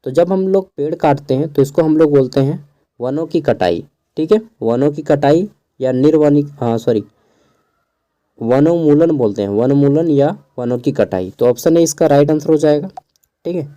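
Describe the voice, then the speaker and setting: A young male tutor talks through exam questions in a relaxed, chatty lesson, often drifting into asides. His voice sits fairly high yet sounds very dark and mellow. He keeps it hushed, recording in a small room at home. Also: moderate pace, highs cut off. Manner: chatty, digresses with asides and chuckles; keeps his voice down so neighbours won't hear. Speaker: teacher going over an exam paper. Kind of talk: casual spoken exam lesson.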